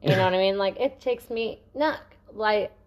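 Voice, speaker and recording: A woman's voice: medium pitch, moderate pace, highs cut off. A middle-aged woman co-hosting a podcast, talking in a blunt, venting way and swearing freely in casual chat. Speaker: podcast co-host.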